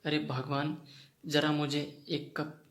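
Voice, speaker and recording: A man's voice: on the high side, monotone, takes it slowly. A man reading as a grumpy, jumpy husband. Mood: demanding. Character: grumpy middle-aged husband, easily startled. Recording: roomy echoey room.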